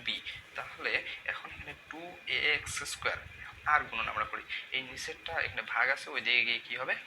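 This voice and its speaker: Male math tutor, quick delivery, noisy recording. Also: medium pitch. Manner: walks through algebra aloud, asks and answers own questions. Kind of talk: step-by-step lecture. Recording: noisy room sound.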